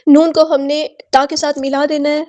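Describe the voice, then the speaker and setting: A woman teaching tajweed, explaining letters slowly and repeating single sounds and words as models. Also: high-pitched, flat delivery, darkish tone. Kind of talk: tajweed lesson, explaining word by word.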